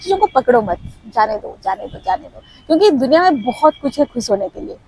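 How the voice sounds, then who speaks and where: A woman's voice: high voice, sing-song, fast, mellow, low-quality recording. A woman giving a casual motivational talk to camera outdoors, coaxing and conversational, dropping English words into her sentences. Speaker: motivational speaker.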